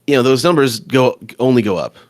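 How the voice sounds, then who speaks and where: A man's voice: mid-range voice, lively intonation, fairly quick, dry recording, clean studio sound. A man hosting a casual podcast, with a laid-back, offhand way of talking. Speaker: podcast host.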